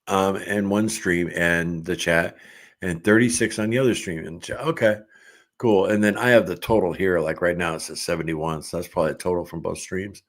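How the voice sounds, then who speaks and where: A middle-aged man hosting a casual livestream, reading viewer comments aloud and chatting in a relaxed way with frequent laughs. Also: low voice, moderate pace.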